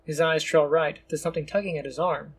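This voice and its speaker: A man giving measured, descriptive scripted narration of a story. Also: on the high side, fairly even intonation, slightly rough.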